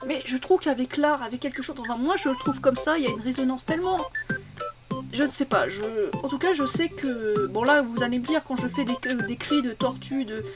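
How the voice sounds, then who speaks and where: A woman's voice: sits high, fairly quick, over music. Rambling, tired woman playing a game. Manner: rambling, self-mocking, stammering restarts. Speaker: voice actor and content creator. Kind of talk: casual gameplay chat.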